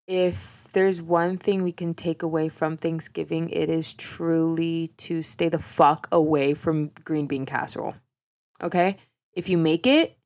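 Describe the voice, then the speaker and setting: A woman's voice: low voice, darkish tone. A young adult woman hosting her own podcast from home at night, ranting in a blunt, profane, sarcastic way. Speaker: podcast host. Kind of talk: casual ranting monologue.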